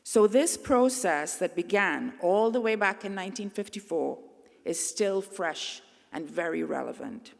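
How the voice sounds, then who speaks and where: A middle-aged woman from Trinidad and Tobago, giving an earnest, measured commencement address at a podium microphone. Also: lowish voice, animated, vocal fry. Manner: earnest, measured, speaking to a crowd. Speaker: convocation speaker. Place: large convocation hall. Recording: long hall reverb.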